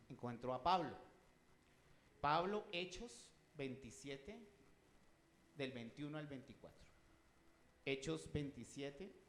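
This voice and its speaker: A man's voice: mid-range voice, slight background noise. Emphatic man preaching in an echoey room. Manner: emphatic, rising loud on scripture quotes; asks the congregation questions. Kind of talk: sermon.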